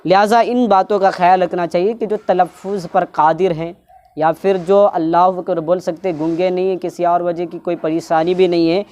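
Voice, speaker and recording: A religious teacher speaks in a woman's voice that sits on the low side, with fairly even intonation and a dark tone. She gives a lengthy religious instruction talk, repeating her points and stretching out words to demonstrate their proper pronunciation.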